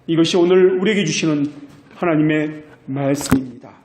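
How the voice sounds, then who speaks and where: A man's voice: on the high side, normal speed, reverberant, noisy background. A male pastor preaching a sermon with earnest exhortation. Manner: earnest exhortation, quotes people in a mocking voice. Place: church.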